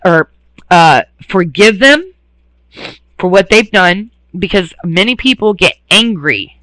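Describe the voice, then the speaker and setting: A man's voice: on the high side, fairly bright tone, no room sound, rough recording. Blunt, impassioned man on the verge of tears. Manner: blunt, passionate, swears freely. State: near tears. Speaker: radio host. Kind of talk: emotional monologue.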